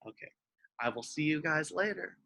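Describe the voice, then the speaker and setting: Animated sing-song teacher on a video call. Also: medium pitch, moderate pace, gravelly. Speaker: elementary school teacher. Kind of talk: online craft lesson for young children.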